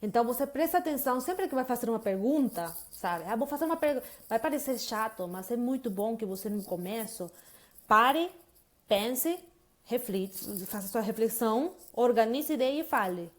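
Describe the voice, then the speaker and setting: A woman with a Brazilian Portuguese accent teaches grammar in an easy, casual way. Her voice sits a little high, and she chats as she goes, often checking that the listener is following. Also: expressive, normal speed. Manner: chatty, keeps checking in with the listener. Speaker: English teacher. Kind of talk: casual lesson explaining grammar.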